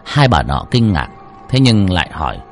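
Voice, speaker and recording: A man's voice: sits low, very animated, moderate pace, faint music behind. A man narrating a scripted horror story in a dramatic storytelling manner.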